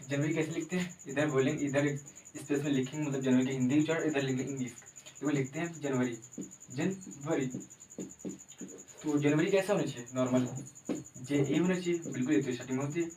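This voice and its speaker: A man's voice: a little high, darkish tone. A man runs a casual home-made lesson, spelling words out letter by letter and going over each point again. He sits at some distance from the mic in an echoey room, with a faint hiss underneath. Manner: chatty, spells words out letter by letter, repeats himself. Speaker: online tutor.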